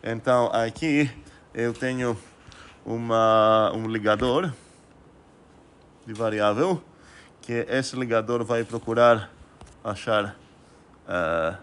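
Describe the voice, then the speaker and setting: A man's voice: on the low side, slow, long pauses, a bit bright, clear, resonant tone. A man giving a recorded math lecture, thinking aloud with many fillers and restarts and putting questions to the class. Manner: asks students rhetorical questions.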